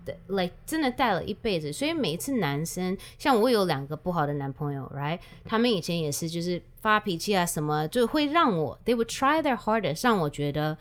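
A woman's voice: fairly low pitch, big pitch swings, a little fast, few pauses. A woman telling a personal story in casual chat, slipping English words and phrases into her speech. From United States. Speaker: guest.

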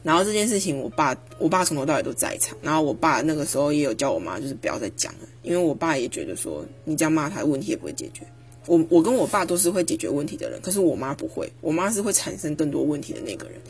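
Woman, 20s, solo podcast host; emphatic, animated delivery. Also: low-pitched, fast talker, faint music behind. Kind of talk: personal reflective monologue.

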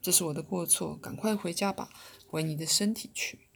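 A flustered spirit wearing a teenage boy's form pleads earnestly in a storybook. A woman reader voices him low and gravelly. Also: slight background noise. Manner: hurried, earnest.

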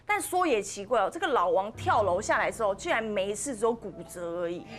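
A woman's voice: mid-range voice, brisk, noisy background. A woman with a Taiwanese Mandarin accent, a podcast host telling a ghost story casually and acting out the characters' lines. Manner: animated, acts out the characters' lines.

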